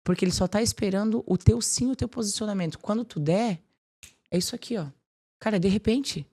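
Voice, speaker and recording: A woman guest on a podcast, talking in a lively, casual way about faith and her work, often filling her speech with "tipo assim". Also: medium pitch, fairly quick.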